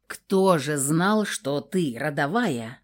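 A woman's voice: low-pitched, animated, takes it slowly, pitched below the performer's own voice. A woman voicing a cocky young male warlock who talks smugly and without a care, in a read-aloud story. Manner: smug, drawling, unbothered.

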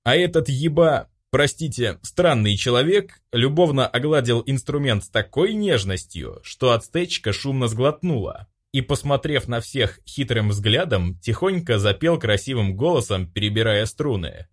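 A man reading an audiobook aloud with expressive storytelling. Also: mid-range voice, moderate pace, few pauses. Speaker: audiobook narrator. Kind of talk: audiobook narration.

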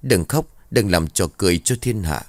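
A man's voice: low-pitched, expressive, normal speed, a little mellow, no echo, studio quality. A man voicing a young ritual master who earnestly consoles a grieving family.

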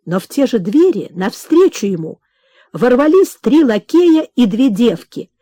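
A woman narrating a classic novel in an expressive, dramatic audiobook reading. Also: a little high, measured pace, dry recording.

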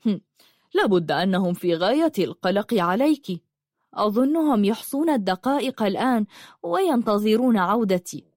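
Gentle young male writer, calm and soft-spoken, voiced by a woman narrator. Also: medium pitch, moderate pace, dry recording, studio quality, lightly acted.

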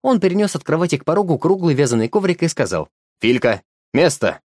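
A man narrating a storybook in a lively, expressive reading. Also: a little high, rapid-fire, no echo, studio quality.

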